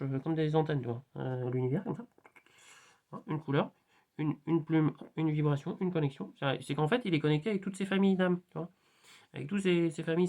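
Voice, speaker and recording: A man's voice: on the high side, darkish tone. A man vlogging in a casual spiritual monologue, rambling and playful, with lots of fillers and repeats.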